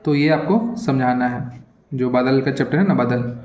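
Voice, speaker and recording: A man's voice: medium pitch, normal speed, darkish tone. A male teacher hurriedly reading exam questions aloud and explaining the answers to students, often checking in with them. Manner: repetitive, keeps checking in with "theek hai". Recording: echoey room, dull lo-fi sound.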